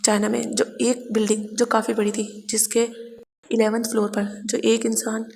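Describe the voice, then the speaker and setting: A woman's voice: a little high, level tone, moderate pace, gravelly, a little mellow, long reverb tail, slight background noise. A woman casually retelling a fan fiction story, talking in a conversational way with many small restarts. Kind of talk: casual story recap narration.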